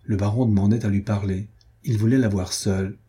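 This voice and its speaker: A man narrating a historical novel as an audiobook, measured and dramatic. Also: on the low side, steady tone, dark tone, husky. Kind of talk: reading a historical novel aloud.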